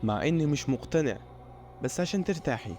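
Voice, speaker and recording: A man with an Egyptian Arabic accent, narrating a scripted first-person horror story in a steady storytelling voice. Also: a little high, quick pace, a little hiss or hum.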